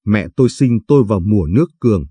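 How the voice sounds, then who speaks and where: A man reading a late-night radio story calmly and with measured pacing. His voice is low, dark and husky. The sound is dry and close. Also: no echo. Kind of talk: scripted storytelling narration.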